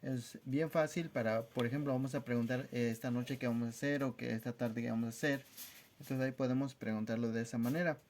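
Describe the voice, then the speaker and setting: A man teaching a language lesson at a whiteboard, spelling out words slowly and carefully in a friendly, casual way. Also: mid-range voice, fairly even intonation, a little mellow, slight background noise.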